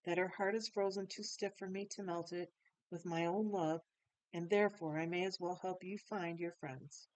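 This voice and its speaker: A woman's voice: on the low side, fairly even intonation, moderate pace, a little mellow, no echo, natural voice, poor audio. A woman voicing a devoted, lovesick young gardener's boy, in a storybook reading. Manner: earnest, devoted.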